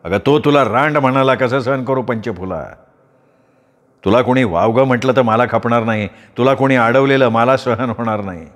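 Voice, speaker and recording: A male storyteller playing a stern, short-tempered rich landowner who speaks slowly and weightily. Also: mid-range voice, lightly acted. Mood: tender.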